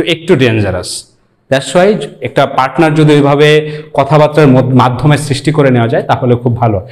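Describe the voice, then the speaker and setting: A Bangladeshi man with a voice on the high side gives an explanatory lecture as an English teacher. He speaks in a relaxed manner, mixes in English words, and asks rhetorical questions.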